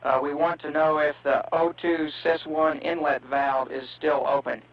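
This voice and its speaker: A man's voice: fairly high pitch, steady tone, normal speed, highs cut off. A man working as a mission control communicator, making procedural calls to a spacecraft over a two-way radio with static.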